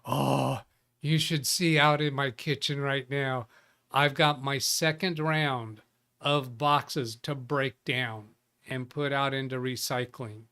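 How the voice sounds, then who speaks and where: A man's voice: mid-range voice, steady tone, slow, sharp tone. A man hosting a live tech show in a casual, chatty way, greeting viewers by name and often restarting his sentences. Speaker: livestream tech show host. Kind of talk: casual live-stream chat.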